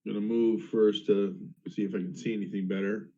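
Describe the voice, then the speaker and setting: A man's voice: on the low side, little pitch movement, brisk, mellow. A man talking casually as a player in a tabletop game. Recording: slightly dull, lo-fi voice audio.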